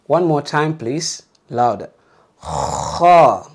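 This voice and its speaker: A man's voice: fairly high pitch, a little slow, a little mellow. A man teaching a beginner alphabet lesson, patiently modeling letter sounds and encouraging learners to repeat.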